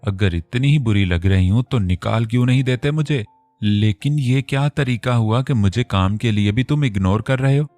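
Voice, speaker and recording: A man's voice: mid-range voice, normal speed, darkish tone, no echo, faint music behind, pitched above the performer's own voice, close to an everyday voice. A man narrating an Urdu audio novel voices an upset young woman who confronts her boss. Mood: indignant. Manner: indignant, confronting.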